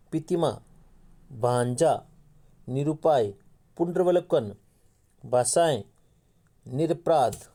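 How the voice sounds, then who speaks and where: A man's voice: medium pitch, warm tone. A male teacher running an exam-prep class, reading out a list of words one by one and stopping to stress the tricky spellings, in a Rajasthani-accented Hindi. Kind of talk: exam-prep lesson reading out word lists.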